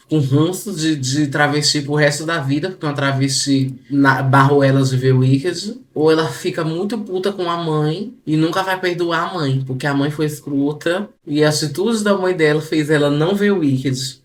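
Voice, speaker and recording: A woman's voice: low voice, normal speed, reverberant. A woman streamer casually commenting on a clip in a gossipy, teasing way. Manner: gossipy, teasing, laughs at the story.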